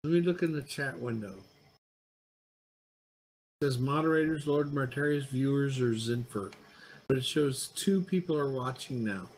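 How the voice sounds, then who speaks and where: A man's voice: medium pitch, moderate pace, long pauses, darkish tone. Man muttering through a frozen video call. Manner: mildly frustrated, swears now and then. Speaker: streamer. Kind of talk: casual live-stream chat.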